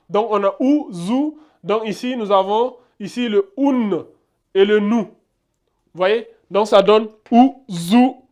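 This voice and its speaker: Man teaching letters slowly. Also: high voice, a little mellow, clean tone. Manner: repetitive, checks understanding often. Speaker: Arabic teacher. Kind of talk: casual whiteboard lesson.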